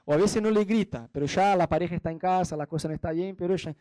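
High-voiced man preaching with acted anecdotes. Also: fast, mellow, no echo. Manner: storytelling with acted-out quotes; chatty, addresses listeners directly. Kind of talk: sermon.

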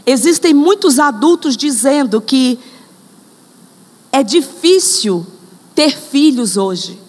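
A woman's voice: high voice, big-room sound. A woman preaching a sermon, speaking straight to the congregation and acting out examples. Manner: addresses the congregation directly, acts out examples.

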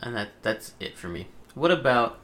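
A man's voice: mid-range voice, animated, moderate pace, sharp tone. A young man hosting a casual podcast, rambling and making crude jokes with friends. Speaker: podcast host.

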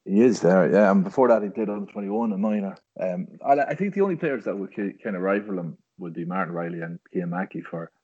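A man's voice: low voice, expressive, fast, few pauses, a little mellow, breathy edge. A man with an Irish accent giving casual sports analysis as a podcast pundit. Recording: dry but slightly dull podcast audio.

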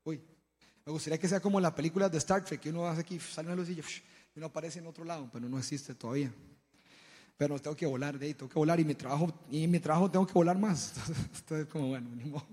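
Man giving a halting sermon talk in a reverberant hall. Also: a little high. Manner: halting, repeats words, animated storytelling. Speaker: church speaker. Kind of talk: sermon-style testimony talk.

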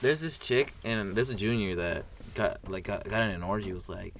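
A man's voice: fairly low pitch, moderate pace. A young man in a casual chat among friends, talking bluntly and crudely.

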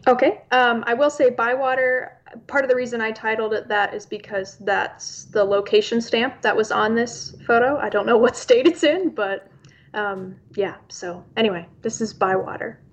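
A woman guest poet on an online call, speaking casually and reading her work aloud, with a dull, slightly rumbly sound. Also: moderate pace. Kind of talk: casual chat and poem reading.

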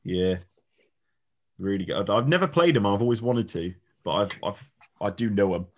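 A man hosting a casual quiz among friends, chatty and quick to laugh. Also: lowish voice, lively intonation. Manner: laughs easily, loose and chatty. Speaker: quiz host. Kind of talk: casual podcast quiz chat.

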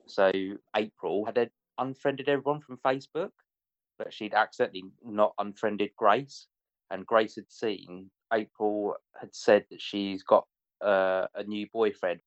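A man tells a personal story to the interviewer, a friend of his, casually and a little hesitantly. His lowish voice is steady and unhurried, on a dry, dull recording with guitar music in the background.

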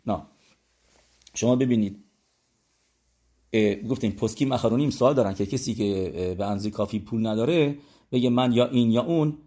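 Husky, mellow-voiced man teaching. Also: medium pitch, long pauses. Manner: works through sums aloud, asks listeners to check. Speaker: religious teacher. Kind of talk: explaining religious law and numerology.

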